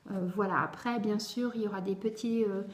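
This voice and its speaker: A woman explaining step by step how to teach a child to read syllables, patient and careful, often pausing on fillers. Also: medium pitch, steady tone. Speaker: teacher explaining reading method. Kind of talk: instructional video lesson. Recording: echoey room.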